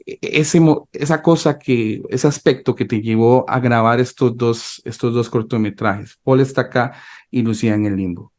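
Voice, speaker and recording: A man's voice: mid-range voice, moderate pace, darkish tone. A man interviewing a film director, asking long questions with many stumbles and restarts.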